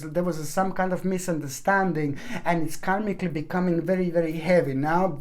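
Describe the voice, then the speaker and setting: A woman with a lowish, slightly mellow voice delivers her weekly tarot reading straight to camera. She speaks with earnest emphasis, repeats her points, trails off into fillers before restarting, and calls her viewers fond pet names.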